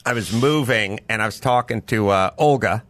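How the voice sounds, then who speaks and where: A man's voice: on the low side, normal speed, a bit bright. A man hosting a podcast, telling rambling stories in casual chat, profane and ranting. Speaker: podcast host.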